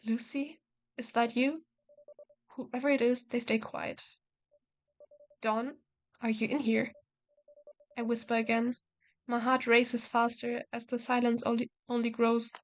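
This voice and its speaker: A woman playing a visual novel, reading the text aloud and adding casual, joking commentary. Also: on the high side. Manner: casual, joking, swears and laughs at herself.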